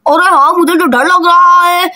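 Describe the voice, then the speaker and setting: A woman's voice: very high voice, fairly even intonation, moderate pace, sharp tone, full character voice. A woman voicing a boastful little village boy in a kids' doll-play story, chatty and teasing. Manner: chatty, teasing, calls out "arre" often.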